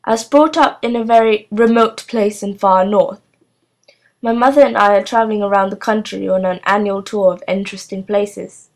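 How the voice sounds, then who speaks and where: A woman's voice: medium pitch, fairly even intonation, moderate pace, darkish tone, natural voice. Woman reading a tiny, strange eleven-year-old girl; posh, formal, like a little old lady. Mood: composed.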